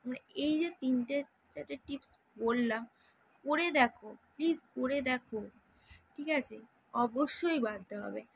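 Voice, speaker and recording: A woman's voice: high-pitched, unhurried, gravelly, a little hiss or hum, low-quality recording. A young woman, a mother, giving parenting advice to viewers in a chatty, earnest way. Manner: chatty, earnest, repeats "thik ache". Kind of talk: casual advice talk to viewers.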